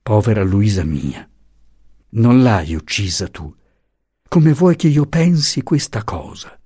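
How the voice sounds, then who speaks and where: A man's voice: lowish voice, very animated, takes it slowly, mellow, husky, no echo, studio quality, full character voice. A man reading aloud, voicing a young father whose speech is broken and pleading with grief. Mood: consoling. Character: young father, sobbing and shaken.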